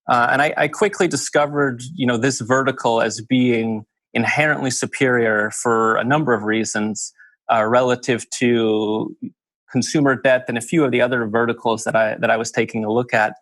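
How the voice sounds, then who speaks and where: A man in his mid-thirties with an American accent talks as a guest in a casual interview. He lays out his thoughts carefully and softens them with "kind of" and "you know". His voice is at an ordinary pitch, with a dry, close sound. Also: dry recording. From Switzerland. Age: 30s. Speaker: guest investor.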